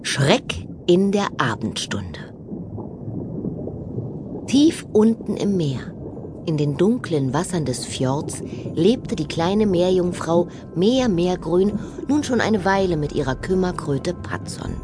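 A woman narrating a children's audiobook in a lively, expressive storytelling manner. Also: fairly low pitch, unhurried, noisy background.

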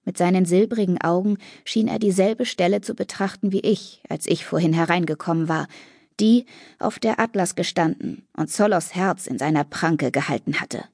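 A woman narrating a first-person fantasy audiobook with steady, even-paced storytelling on a close studio mic. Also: on the low side, moderate pace, dry recording.

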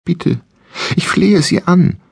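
A man's voice: high voice, takes it slowly, gravelly, a little mellow, breathy edge, no room sound, studio quality, voice pushed up, exaggerated voice. A man doing a terrified pleading young woman. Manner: stammering, desperate begging.

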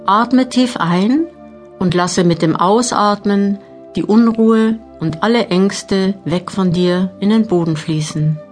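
A woman narrating a guided meditation audiobook, giving measured instructions with long pauses. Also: medium pitch, a little mellow. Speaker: mental training narrator. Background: new-age music.

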